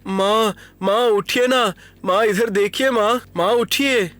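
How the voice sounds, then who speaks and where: A man's voice: high-pitched, slow, no room sound. An actor dubbing a frightened young son who desperately begs his parents over and over, in a dubbed film. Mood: pleading. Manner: desperate repeated pleading. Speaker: son in a family. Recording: film soundtrack with loud music.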